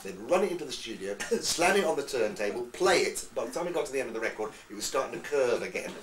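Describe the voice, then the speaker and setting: Distant, echoey lower-voiced Englishman. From England. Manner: lively storyteller, slips into accents. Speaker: actor interviewee. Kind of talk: anecdotal interview chat. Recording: echoey room, far from mic.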